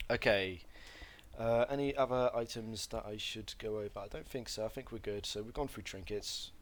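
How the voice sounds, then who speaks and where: Unhurried and pausing often, a man with a voice on the low side gives a relaxed gameplay tutorial as a game guide presenter. He rambles, corrects himself, leans on fillers, and lets out a slight cough from mild throat irritation.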